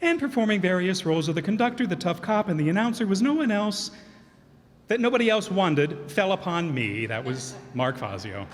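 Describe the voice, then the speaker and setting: At a live performance in a reverberant hall with faint background noise, a man thanks the cast and crew at curtain call, speaking in an animated, high voice at a moderate pace. A host and cast member of a community radio theater group, he meanders through fillers and self-corrections.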